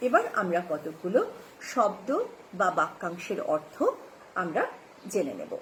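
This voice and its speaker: A woman teacher with a Bengali accent, reading an English story slowly and then explaining word meanings and spellings in a classroom lesson. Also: on the low side, very animated, fairly bright tone, slight background noise, low-quality recording. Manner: slow, careful reading with spelled-out words.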